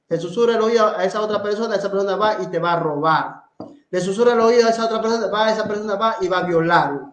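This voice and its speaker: A man preaching a fervent sermon, constantly calling listeners brother and breaking into laughs between phrases. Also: high-pitched. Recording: echoey room.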